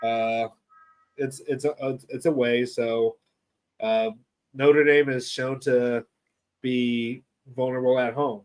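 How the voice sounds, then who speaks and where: Male co-host, mid pitch, loose rambling sports banter. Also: takes it slowly. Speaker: podcast co-host. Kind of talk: casual sports chat.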